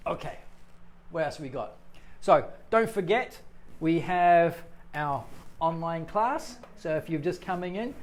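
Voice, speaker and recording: Playful, chatty male English teacher. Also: sits high. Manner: chatty and playful, jokes with viewers. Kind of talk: live-streamed English lesson.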